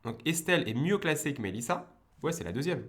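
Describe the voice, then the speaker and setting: A young man talks through a quiz in a casual vlog, his voice hoarse from a cold. He keeps mocking himself, swearing and exclaiming in fluster as he second-guesses his answers. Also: a little high, very animated, fairly quick, noisy background. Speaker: law teacher and YouTuber.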